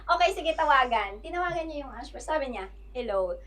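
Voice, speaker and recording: A woman's voice: high-pitched, a little fast. A woman from the Philippines, a podcast guest, telling a personal story in casual chat and acting out other people's words. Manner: animated, acts out other people's words in quotes.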